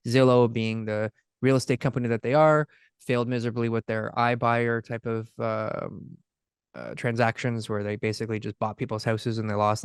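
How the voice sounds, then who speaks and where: A man co-hosting a podcast in casual chat, talking in an animated, emphatic way and repeating words when he gets excited. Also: mid-range voice, smooth, no echo, studio quality. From Canada. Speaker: podcast co-host. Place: podcast studio.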